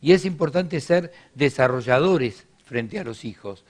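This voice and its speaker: A man, giving a business workshop and explaining in a measured way, with many hesitations. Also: medium pitch, lively intonation. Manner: measured explaining, frequent "este" fillers. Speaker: workshop speaker.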